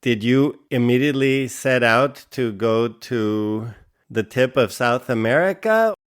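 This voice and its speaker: Slow, measured male podcast host. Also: mid-range voice, expressive, clear, resonant tone. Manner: measured, curious questioning. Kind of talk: interview questions.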